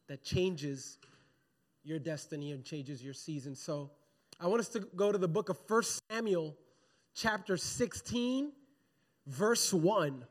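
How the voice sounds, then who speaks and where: High-voiced male pastor preaching. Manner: conversational preaching, calls for audience response. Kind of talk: sermon. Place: church sanctuary.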